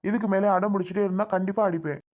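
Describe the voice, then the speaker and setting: A man's voice: sits high, steady tone, highs cut off, natural voice. A man playing a stern, impatient father who lectures and threatens his small daughter. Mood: threatening. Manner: lectures and threatens in fast, irritated talk.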